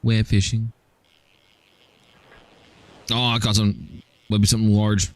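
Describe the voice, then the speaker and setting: Male streamer, low-ish voice, casual jokey chat with stammered restarts. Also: flat delivery, slow. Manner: joking, chatty, frequent stammered restarts. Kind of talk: casual livestream chat while gaming.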